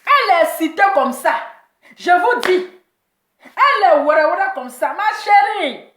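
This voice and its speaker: A woman's voice: very high-pitched, very animated, measured pace, a bit bright, roomy sound. A woman giving mocking gossip commentary, teasing and laughing as she repeats her jabs. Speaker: commentator reacting to celebrity gossip.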